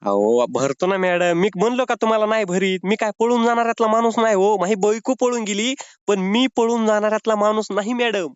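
A man's voice: high-pitched, a little fast, few pauses, smooth, dry recording. A man making a comic prank phone call, pleading and whining in a mock-sobbing way. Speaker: prank caller.

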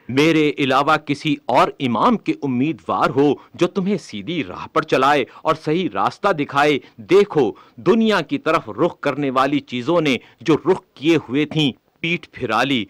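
A man reading a religious book aloud in a measured, solemn way. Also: fairly high pitch, fairly bright tone, dry recording. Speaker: reader of a religious text.

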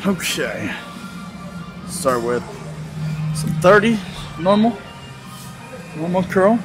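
A young man in his twenties talks loosely to a phone camera in a big indoor gym, rambling and laughing as he goes. His voice sits a little high for a man. Loud music plays clearly behind him. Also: very animated, slow, rough recording. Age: 20s. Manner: laid-back, rambling, laughs often. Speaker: fitness vlogger. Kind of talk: casual walk-and-talk vlog. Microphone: phone camera on a tripod nearby. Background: music playing in the gym.

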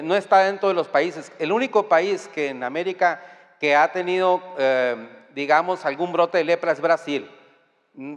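A man with a Mexican accent preaching a sermon, talking conversationally to his congregation and rising to loud emphatic peaks. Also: on the high side. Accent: Mexican Spanish. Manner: conversational, addressing the congregation directly. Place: church hall. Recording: long hall reverb.

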